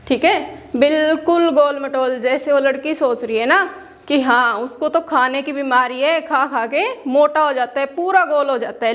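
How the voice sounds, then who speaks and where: A woman teaching a school class, explaining patiently, asking questions and answering them herself, and mixing English words into her Hindi. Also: high-pitched. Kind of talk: classroom lesson.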